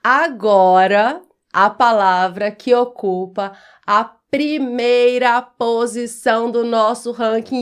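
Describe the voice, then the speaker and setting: A woman teaching Portuguese pronunciation in a video lesson, speaking clearly and quizzing the viewer. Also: a little high.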